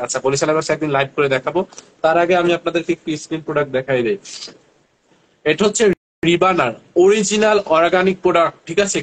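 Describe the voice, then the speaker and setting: A man's voice: on the high side, poor audio. Chatty young man hosting a livestream. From Barishal, Bangladesh. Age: young adult. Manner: chatty, addresses viewers directly, many fillers. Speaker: live sales host. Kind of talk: casual livestream selling.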